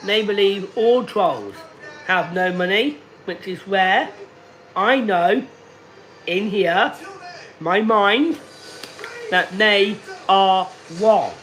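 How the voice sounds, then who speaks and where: A man in his late thirties talking slowly and deliberately to viewers on a casual live stream, repeating himself often. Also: high-pitched, a bit bright. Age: 30s. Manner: slow, deliberate and repetitive. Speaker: livestreamer.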